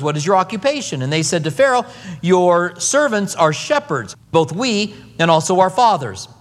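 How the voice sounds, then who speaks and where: A pastor in his fifties preaches in a bright, high register, his voice rising and falling with lively expression. He talks conversationally and acts out the quotes he tells. His words ring on in a long, reverberant sanctuary. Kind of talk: expository sermon.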